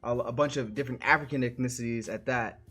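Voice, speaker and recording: A husky, mid-range male co-host from New York talks at a quick pace on a video-call podcast, faint music behind him. Relaxed and rambling in this casual live-stream chat, he thinks aloud and restarts often.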